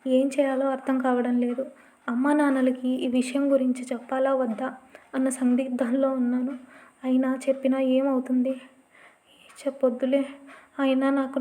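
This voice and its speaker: A woman narrating a first-person story in a soft, steady, plaintive reading. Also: high-pitched, moderate pace.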